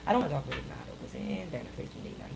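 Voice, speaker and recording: Speaking very fast in a deep, gravelly voice, a Bahamian-accented woman runs a live radio show full of easygoing banter, lively, playful, and colloquial. Background noise can be heard.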